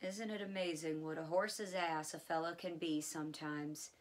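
A woman's voice: on the low side, lively intonation, a little slow, fairly bright tone. A woman reading the lines of a frustrated middle-aged man who runs a film studio, in a blunt, scolding way. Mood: rueful.

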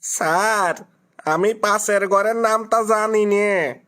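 A shy little schoolboy, put on by a man, drawls his answers slowly and hesitantly in a raised, childish voice. His lilt softens every word, and he sounds a little off-mic. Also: high-pitched, voice pushed up. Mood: timid. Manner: slow hesitant boyish pleading. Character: timid slow young schoolboy, dim but sweet.

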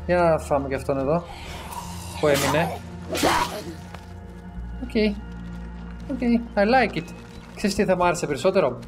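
A man giving casual, joking gameplay commentary, swearing now and then and dropping in English game terms, with game music underneath. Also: on the high side. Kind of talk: casual Greek let's-play commentary.

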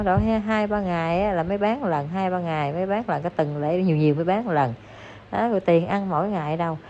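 A woman's voice: on the low side, a little mellow. Chatty Southern Vietnamese woman, lo-fi. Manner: chatty, scolding, addresses listeners as aunts and uncles. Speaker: online commentator. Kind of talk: casual gossip commentary to viewers. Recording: dull lo-fi recording with faint noise.

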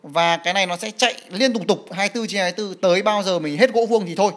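A man's voice: sits high, very fast, a bit bright. A man walking through a mobile game feature in casual talk, with many fillers, repeated words and frequent "right?" checks. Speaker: game guide presenter. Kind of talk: casual gameplay walkthrough.

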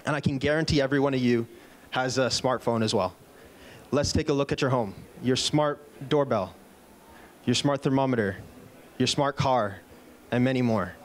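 Into a handheld mic, a thirtysomething man pitches a product in an upbeat conference keynote from a stage in a large indoor event room. His mid-range voice moves at a moderate pace, broken by a few fillers and restarts.

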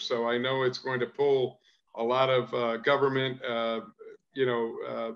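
A man's voice: medium pitch, fairly bright tone. Older man hosting, dull call audio. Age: 60s. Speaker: host of the call. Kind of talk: casual hosting of a group video call.

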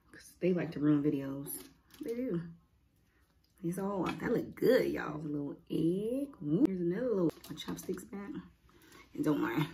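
A young adult woman hosts a mukbang at home in front of a cloth backdrop, chatting casually and muttering to herself between bites. Her voice is low, warm, and creaky.

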